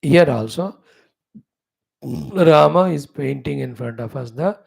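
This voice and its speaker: A man with a North Indian accent teaching scripture in an informal discourse, explaining in short halting phrases and often checking with his listeners. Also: a little high, creaky, darkish tone, breathy edge. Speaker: spiritual teacher.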